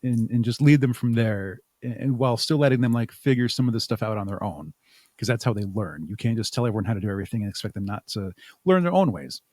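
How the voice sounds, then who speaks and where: A man with a fairly low, expressive voice and a darkish tone speaks quickly, with no room sound. He's a podcast guest, a haunt makeup artist who also creates audio dramas, and he talks casually and reflectively, sometimes searching for words.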